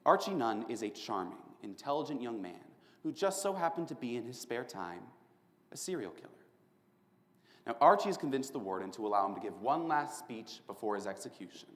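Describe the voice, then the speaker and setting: A man in a speech competition introducing his prose piece in a measured, composed way. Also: mid-range voice, sing-song. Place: performance room at a speech competition. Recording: echoey hall reverb.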